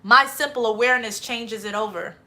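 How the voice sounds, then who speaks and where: A woman's voice: a little high, fairly quick, noisy background. A woman hosting a livestream, giving a rambling spiritual monologue full of swearing and emphatic bursts. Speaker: livestream host.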